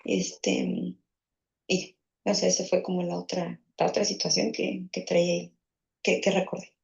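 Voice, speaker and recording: Creaky-voiced Mexican woman telling a story. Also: lowish voice, little pitch movement, moderate pace, a little mellow, lo-fi sound. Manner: rambling, with many fillers and restarts. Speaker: guest in a therapy session. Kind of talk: personal storytelling.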